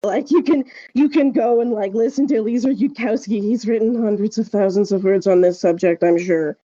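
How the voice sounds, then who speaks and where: A woman with a warm, medium-pitched voice hosts a podcast, talking a little fast on a muffled recording. Her explanations are casual and emphatic, dotted with filler words and check-in questions, and she hedges often with "like" and "right?".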